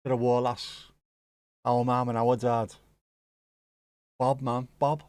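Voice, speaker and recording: Taking it slowly in a level, medium-pitched voice that is darkish and clean, a man speaks in dry, studio-quality audio. He's a Scouse livestream host from Liverpool, England, chatting casually and reacting to live chat, with jokes and occasional swearing.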